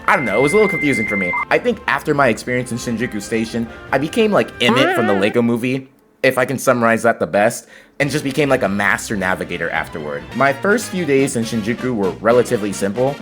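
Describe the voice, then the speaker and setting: Brief: man, casual vlog narrator, rambly and excitable, mid-range voice, faint music underneath. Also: medium pitch, quick pace. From California, USA. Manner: rambling, excitable, laughs often. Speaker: travel vlogger.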